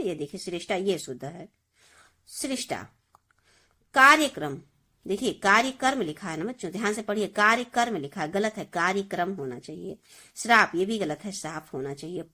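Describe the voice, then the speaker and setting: A woman's voice: mid-range voice, pushed and bright. Woman, grammar teacher, patient step-by-step explaining, repeats words, talks to pupils. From India. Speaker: Hindi teacher. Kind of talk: classroom grammar lesson.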